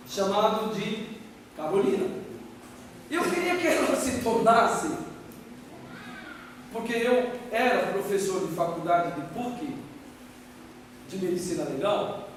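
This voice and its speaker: A middle-aged preacher from Brazil with a high voice leads his congregation in loud call-and-response chants. He sounds far from the mic in a large church with a long echo. Room noise and the crowd's replies are heard behind him. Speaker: guest preacher. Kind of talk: sermon.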